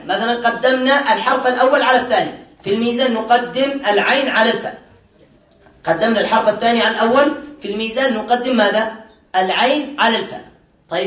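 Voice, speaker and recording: A man with a high voice teaches grammar in a classroom lesson. He poses questions and supplies the answers himself, repeating key terms slowly and deliberately. His voice rings through a noticeably echoey room. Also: a bit bright. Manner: drills students by asking questions and answering them himself.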